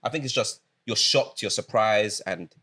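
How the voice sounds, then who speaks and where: A man's voice: lowish voice, moderate pace, bright, forceful tone, slightly rough. A young man with a London accent chatting casually as a podcast host. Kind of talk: casual conversational podcast chat.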